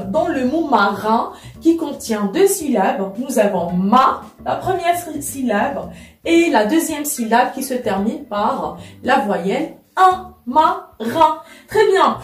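A high-voiced woman gives a slow, careful French lesson and spells out each example. She sounds a little far from the mic in an echoey room, with faint music underneath. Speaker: French teacher. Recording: echoey room, voice from a distance, soft music behind.

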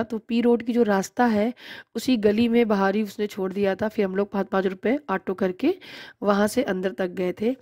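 A woman in her thirties narrates her own shopping vlog in a chatty, explaining voice-over, describing prices and bargaining. Her medium-pitched voice is warm, and the recording is dry with clean studio sound.

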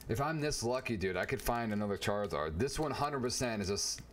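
A man streaming live as he opens trading card packs, chatting casually and getting excitable as he talks to a viewer by name. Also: fairly low pitch, fast talker, a little hiss or hum.

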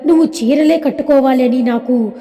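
A playful young college woman who fakes being cross, sassy and teasing, as a woman narrator puts her on. Her voice is fairly high and warm rather than sharp. A long hall reverb trails every line. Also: normal speed, faint music behind, lightly acted. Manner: sassy, mock-angry, playful.

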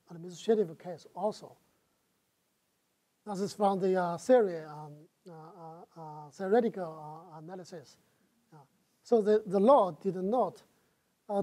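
A middle-aged Chinese man with a Chinese accent, a guest lecturer, takes audience questions in a lecture hall through a lapel mic. His voice is high and mellow, and he speaks haltingly, with many "uh" fillers and restarts.

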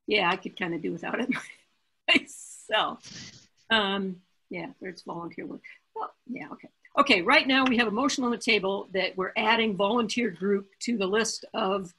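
A woman chairing a council meeting over a video call, brisk and joking as she moves through votes. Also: mid-range voice, gravelly, a bit bright, slightly rough, poor audio.

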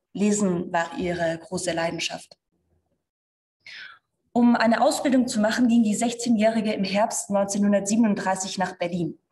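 A woman, a stage actor, giving a calm, measured reading at a live event. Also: mid-range voice.

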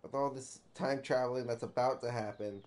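A man's voice: mid-range voice, steady tone, a little fast, a little mellow. A man streaming a video game with casual, profane commentary, rambling and repeating words for emphasis.

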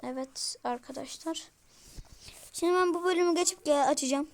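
A woman giving casual let's-play commentary to her viewers, easily frustrated and breaking into loud exclamations. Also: high-pitched, moderate pace, a little hiss or hum. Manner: talks straight to her viewers. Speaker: gaming streamer.

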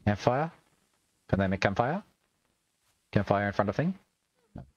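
A man's voice: fairly low pitch, animated, normal speed, slightly rough, no room sound, lo-fi sound. A young Australian man streaming a video game, chatting, joking and swearing as he plays. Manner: chatty, swears and jokes while playing. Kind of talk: gaming livestream commentary.

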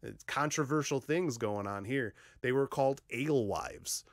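A man's voice: medium pitch, moderate pace, no room sound. A man in his thirties reacting to a news story in a home vlog, chatty, with frequent "uh" fillers, speaking into a studio microphone in a small room. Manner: chatty, frequent "uh" fillers, animated hand gestures. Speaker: vlogger. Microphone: studio condenser mic on a stand in front of him.

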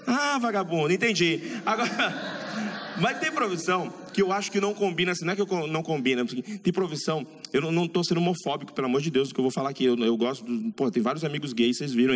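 Fast-talking male stand-up comic. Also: fairly high pitch, long reverb tail. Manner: rapid anecdotal delivery, acts out dialogue. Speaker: stand-up comedian. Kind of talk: stand-up comedy routine. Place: comedy club stage.

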